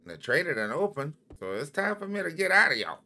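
A man doing loud, excitable let's-play commentary, trash-talking enemies in the game. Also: on the high side, brisk, heavy background noise. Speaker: gaming channel host.

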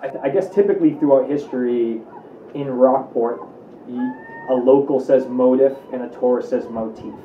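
A man chatting hesitantly in an interview, halting at first. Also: medium pitch, a little hiss or hum. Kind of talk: casual interview. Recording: distant, echoey, dull lo-fi sound.

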